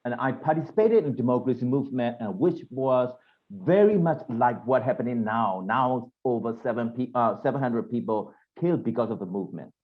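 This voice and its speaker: A man's voice: mid-range voice, lively intonation, fairly quick, phone-quality sound. A man from Burma in his fifties, a panelist giving earnest testimony in English with phrasing. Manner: earnest, non-native phrasing.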